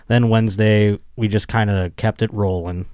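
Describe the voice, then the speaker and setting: Rambling low-voiced man, dry sound. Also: steady tone, moderate pace, a little mellow, clean tone, no echo. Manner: rambling, self-deprecating, laughs often. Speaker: podcast host. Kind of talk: casual chat.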